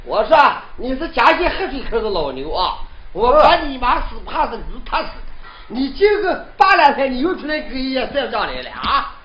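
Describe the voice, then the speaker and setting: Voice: high-pitched, wildly swooping pitch, fairly quick. Storyteller doing a sly cowardly young man. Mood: mocking. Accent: Northern Shaanxi. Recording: roomy lo-fi recording with faint noise.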